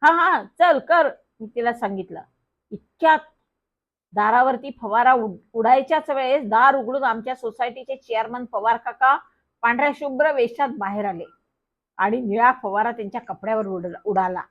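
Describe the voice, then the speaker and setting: A woman narrating a children's story in a lively first-person manner. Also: on the high side, moderate pace. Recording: dull lo-fi recording.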